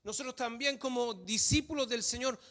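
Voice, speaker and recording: A man's voice: extremely high pitch, normal speed, a bit bright. A man preaching a sermon in a church hall, emphatic, repeating phrases for stress. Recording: long hall reverb.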